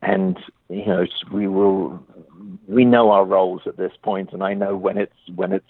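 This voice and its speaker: A man's voice: sits low, level tone, normal speed, dry recording. Man on a tinny phone line. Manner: thoughtful, rambling with restarts. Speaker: playwright guest. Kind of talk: interview conversation.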